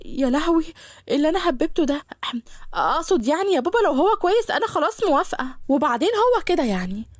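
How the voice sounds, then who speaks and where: A woman's voice: high voice, very animated, fast talker, no echo, clean studio sound. A woman voicing a cheeky, dramatic young female student in an Egyptian Arabic storybook tale. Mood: flustered.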